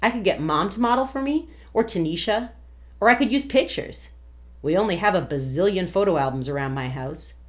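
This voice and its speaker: A woman reading a novel aloud to a class as a guest reader, in an expressive storytelling manner. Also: fairly low pitch, fairly quick.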